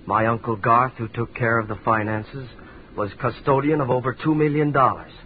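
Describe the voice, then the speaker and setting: A man's voice: medium pitch, steady tone, normal speed, a little hiss or hum, lightly acted. An actor in 1940s radio drama playing a wounded man who earnestly recounts his family's curse. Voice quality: earnest, storytelling. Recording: tinny old radio broadcast.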